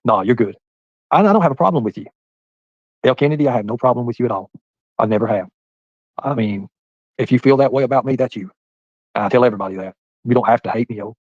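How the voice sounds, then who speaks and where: Fast-talking man in his forties. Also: medium pitch, a little mellow, no room sound, muffled recording. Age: 40s. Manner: rambling, talks straight to viewers by name. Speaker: livestreamer reading chat. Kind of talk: casual live-stream chat.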